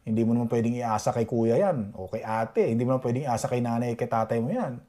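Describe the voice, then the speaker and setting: A man's voice: mid-range voice, fast, warm tone. A man from the Philippines, a vlogger, chatting casually to his viewers and often asking "di ba?" to check they agree. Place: Edmonton, Canada.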